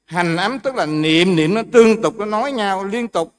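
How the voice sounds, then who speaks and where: A man gives a Buddhist dharma talk in a fairly high voice. He explains with homely examples and keeps turning to the listeners with questions. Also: expressive, moderate pace. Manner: explains with everyday examples, asks the audience questions. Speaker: Buddhist monk teacher.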